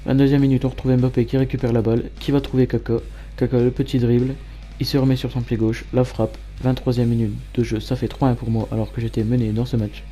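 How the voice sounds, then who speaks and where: A man giving matter-of-fact play-by-play commentary as a gamer over his own match highlights. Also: little pitch movement, fast talker, warm tone, faint music behind. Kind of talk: gameplay commentary.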